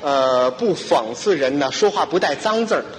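A man's voice: a little high, animated, normal speed. A man performing stage crosstalk comedy, telling the story with hesitant fillers. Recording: reverberant hall, faint noise.

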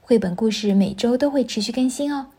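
A woman teacher reading a children's story aloud in a calm, gentle narrating voice. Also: on the high side, a little fast.

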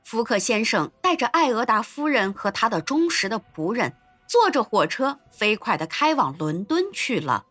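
A woman narrating an episode of a classic adventure novel in an expressive storytelling manner. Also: on the high side, moderate pace, no room sound, soft background music. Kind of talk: scripted narration.

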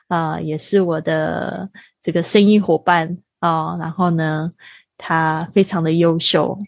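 Effusive woman host, husky creaky voice. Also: fairly low pitch, a little mellow, no room sound. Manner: effusive, praising. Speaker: host of online club session. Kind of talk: informal hosting with encouraging remarks.

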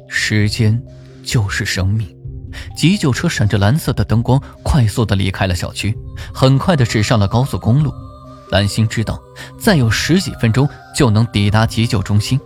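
A man narrating a folk ghost story in an expressive, suspenseful way. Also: lowish voice, normal speed. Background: faint music.

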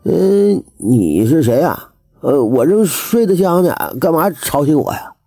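A male storyteller voicing a lazy, drowsy young man who mumbles slowly as if half asleep. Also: fairly high pitch, very animated, dark tone, heavily acted. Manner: slow, mumbling, yawning, indifferent.

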